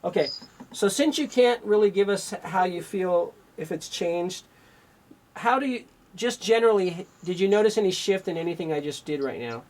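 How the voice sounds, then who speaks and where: A man's voice: high-pitched, animated, normal speed, darkish tone. A man working as an energy healer on a radio call-in show, talking in an instructive way. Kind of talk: call-in healing session.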